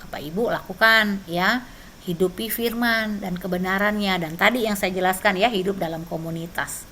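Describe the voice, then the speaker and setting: A woman's voice: mid-range voice, fairly even intonation, normal speed, bright, forceful tone, a little hiss or hum. A woman leading a church training session online, teaching and sharing personal testimony conversationally, often tagging her sentences. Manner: conversational, frequent tag questions.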